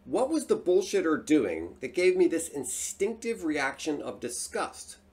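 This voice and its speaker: A man hosts a solo talk for his channel. His voice sits a little high, and his pitch moves a lot as he speaks. He delivers it in an animated, emphatic way. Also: measured pace. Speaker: host.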